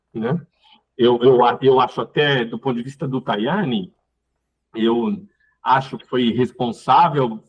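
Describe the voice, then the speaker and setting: On an online live call, a Brazilian man with a slightly rough, mid-range voice gives unscripted political commentary as a panel guest representing his community. The recording is low quality, and he often repeats words while searching for phrasing.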